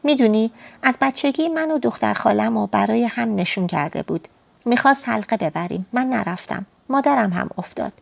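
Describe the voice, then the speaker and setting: Lady reading a quiet earnest young guy, gravelly voice. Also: a little high, lively intonation, full character voice. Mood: sad. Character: young man, gentle earnest lover.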